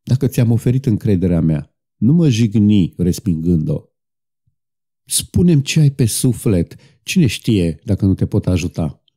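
A man voicing a solemn, patient outlaw leader who speaks calmly and persuasively in an audiobook. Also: fairly low pitch, slightly rough. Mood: coaxing. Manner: calm, gentle, persuasive.

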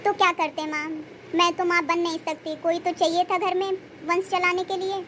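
A meek cartoon wife who can't have a child. her voice sits high and sounds tearful and resigned, as if always about to plead. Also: little pitch movement, normal speed, a bit bright, a little hiss or hum. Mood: sad, resigned. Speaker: cartoon character.

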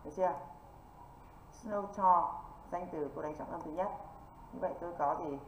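A woman English teacher from northern Vietnam, running an online exam-prep lesson and constantly checking in with quick rhetorical questions. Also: deep voice, steady tone, darkish tone. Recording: echoey, dull lo-fi with faint noise.

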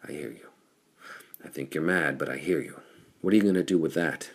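A gruff, blunt pirate lieutenant, read by a man with a rumbling, scornful delivery. His voice sits very deep and gravelly, with a husky texture, in a pulp audiobook. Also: fairly quick, exaggerated voice. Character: big bald pirate lieutenant, adult male, gruff and blunt.

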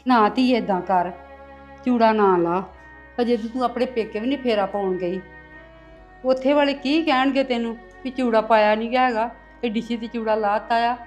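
A woman acts out a fussing mother-in-law in a family drama, fretting and coaxing her son's new wife. Her voice is high, with faint music behind. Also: normal speed, muffled recording, lightly acted. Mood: soothing. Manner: fretful then coaxing.

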